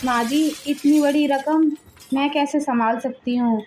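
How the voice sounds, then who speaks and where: A woman voicing a polite, hesitant young daughter-in-law in an animated family drama. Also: high-pitched, unhurried, soft background music. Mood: pleading.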